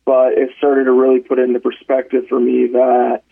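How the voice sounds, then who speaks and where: Gravelly young man on a phone line. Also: mid-range voice, normal speed. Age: 20s. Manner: relaxed, frequent "um" and restarts. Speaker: guest, college hockey player. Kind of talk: casual podcast storytelling. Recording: phone-like narrow band.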